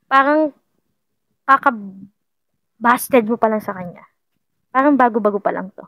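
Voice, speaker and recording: A woman's voice: a little high, unhurried, bright, forceful tone, no room sound. Chatty woman reading tarot. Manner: chatty, playful, repeats herself, laughs often. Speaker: tarot card reader. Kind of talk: casual tarot reading to viewers.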